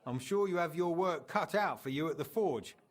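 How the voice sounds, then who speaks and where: Speaking at a moderate pace in an animated, somewhat high voice that stays near his normal register, a male actor plays a middle-aged tradesman in a game. The character is jovial and roguish, recalling a misspent youth with colloquial teasing.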